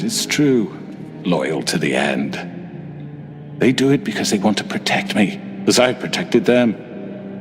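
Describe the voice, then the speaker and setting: An actor playing a smooth, menacing middle-aged crime boss who talks in a patronizing, calmly manipulative way, in a game. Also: male voice, sits low. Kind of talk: video game voice acting. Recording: game audio over music score.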